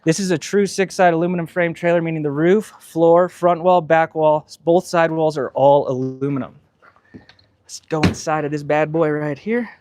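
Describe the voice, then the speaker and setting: A man's voice: fairly high pitch, steady tone, moderate pace, darkish tone. A man selling RVs who walks through travel trailers on a live stream, chatty and explanatory with lots of fillers, sweating in the heat. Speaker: RV salesman giving a walkthrough. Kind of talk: casual live walkthrough. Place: inside and around trailers on a dealership lot.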